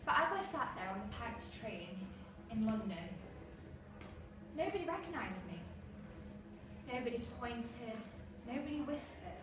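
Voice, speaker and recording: A woman's voice: fairly high pitch, very animated, a little slow. A woman acting a scornful bullied schoolgirl, echoey and distant. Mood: bitter. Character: bitter, defiant bullied schoolgirl. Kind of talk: drama monologue performance. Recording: echoey room, far mic, noisy.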